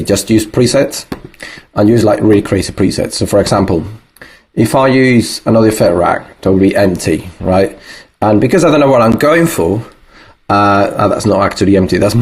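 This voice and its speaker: Husky low-voiced man explaining music software. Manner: loose and thinking aloud, many fillers. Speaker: music production tutor. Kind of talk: casual screen-recorded tutorial.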